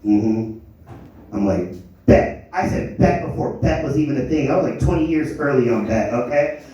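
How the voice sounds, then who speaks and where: Young stand-up comic in echoey club. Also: male voice, mid-range voice, animated, moderate pace, dark tone, recorded from a distance. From Germany. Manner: rambling, self-deprecating storytelling with stumbles. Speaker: stand-up comedian. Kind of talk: live stand-up comedy. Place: comedy lounge stage.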